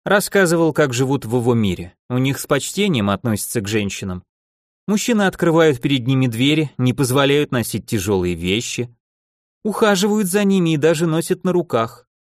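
A man voicing an eager young female cat-folk soldier, raising his voice and pitch for her in an audiobook. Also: sing-song, fairly quick, dry recording, clean studio sound, close to an everyday voice.

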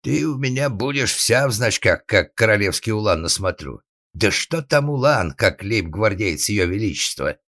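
Man voicing an old father, furious, bellowing, wailing laments, lively raised pitch, dry audiobook sound. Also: no echo, exaggerated voice. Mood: raging. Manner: shouting, lamenting, drawn-out cries. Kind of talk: audiobook narration.

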